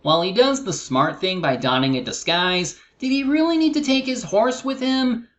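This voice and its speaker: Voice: mid-range voice, expressive, moderate pace, highs cut off. A co-host narrating a scripted cartoon review, recapping the episode as commentary.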